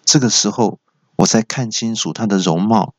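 A man hosting a comedy podcast, telling a comic story in an animated, playful way and stammering for effect. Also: fairly low pitch, moderate pace, husky, no room sound. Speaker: podcast host.

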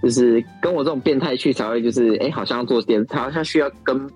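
Fast, husky Taiwanese man on a phone call. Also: medium pitch, darkish tone. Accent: Taiwanese Mandarin. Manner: rambling, repeating himself as he tells stories; talking over an overseas phone call. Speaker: podcast co-host. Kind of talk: casual, candid phone chat. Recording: overseas phone call, faint music behind.

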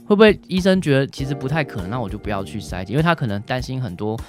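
Speaking very fast in a sing-song, medium-pitched voice, a male doctor with a Taiwanese Mandarin accent offers casual advice as a guest in a question-and-answer format. He often trails off on small particles at phrase ends and briefly role-plays examples, with music playing behind him.

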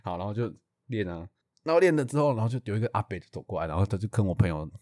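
A man's voice: fairly low pitch, expressive, darkish tone, no echo, studio quality. A man with a Taiwanese Mandarin accent telling a comic story on a casual podcast, rambling and swearing freely. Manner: rapid rambling, crude swearing, repeated "然后". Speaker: podcast host.

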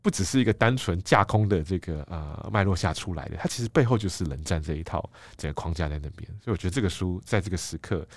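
A middle-aged man with a Taiwanese Mandarin accent, speaking as an interview guest. He explains things in a measured, thoughtful way and often fills pauses with "ah". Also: sits low, expressive, dry recording. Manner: measured, thoughtful, frequent "ah" fillers. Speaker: guest, book editor-in-chief.

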